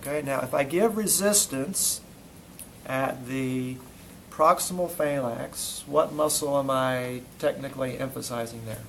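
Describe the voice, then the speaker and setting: A man's voice: mid-range voice, measured pace, vocal fry, a bit bright. A man teaching a hands-on classroom demonstration, coaching with short repeated commands and quizzing students between steps. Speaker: instructor. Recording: noisy classroom recording.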